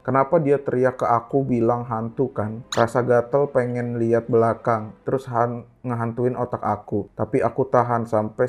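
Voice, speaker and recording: A man casually reading a listener's horror story aloud in a lively, slangy way. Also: mid-range voice.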